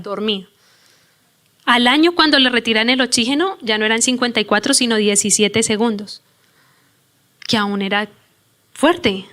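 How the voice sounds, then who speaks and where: Woman pastor, slightly high voice, earnest testimony sermon in a church, reads scripture slowly. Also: fairly bright tone. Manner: earnest, emotional storytelling, voices her own prayers.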